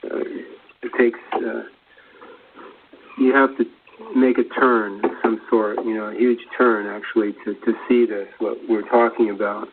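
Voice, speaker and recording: A guest commentator speaks in a flat tone over a phone line, hesitating, searching for words and repeating himself during a rambling spiritual discussion. His voice is fairly low and a little slow. The radio audio is thin, with slight background noise.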